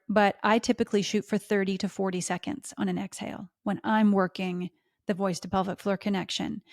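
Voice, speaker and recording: A middle-aged woman hosting a podcast, talking smoothly and melodically as she coaches listeners through exercises. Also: mid-range voice, no room sound, clean studio sound. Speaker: podcast host. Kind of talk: instructional podcast talk.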